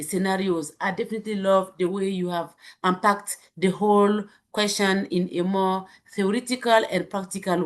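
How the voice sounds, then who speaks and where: A woman with a French accent facilitating an online webinar over a video call, chatty and laughing often. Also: medium pitch.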